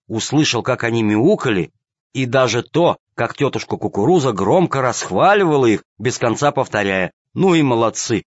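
A man narrating a children's storybook in a calm, even reading voice. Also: medium pitch, no room sound. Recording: dull, dry lo-fi recording.

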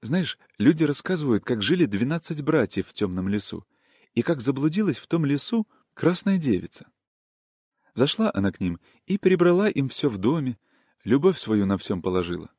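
A man voicing a tender, melancholy young peasant woman in an audiobook reading, with a soft, soothing, singsong manner. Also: medium pitch, very animated, moderate pace, husky, no room sound, studio quality, voice pushed up.

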